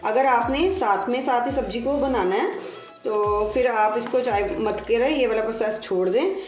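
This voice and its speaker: In a home kitchen, a woman with a somewhat high, slightly mellow voice hosts a cooking show, patiently explaining each step and repeating it without rushing. Faint music plays under a roomy, distant recording.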